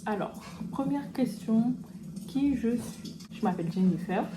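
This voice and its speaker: A young woman from French Guiana, a beauty vlogger chatting casually while doing her makeup, with relaxed slangy asides. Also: a little high, unhurried, noisy background. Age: young adult.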